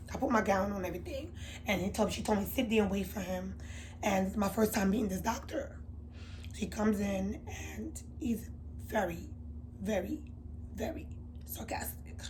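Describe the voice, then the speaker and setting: A woman telling a candid storytime to her viewers, chatty and confiding, swinging from loud emphatic bursts to low murmurs. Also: slight background noise. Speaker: beauty vlogger. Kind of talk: storytime vlog.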